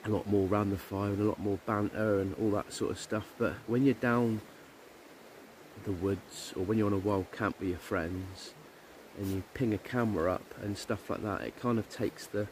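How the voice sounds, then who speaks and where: A relaxed man talks to a handheld camera at a woodland camp, loose and chatty with plenty of ums. His voice sits low, and a faint hum of the outdoors hangs behind him. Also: normal speed. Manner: chatty and easygoing, with frequent ums. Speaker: outdoor camping vlogger. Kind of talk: casual chat to camera.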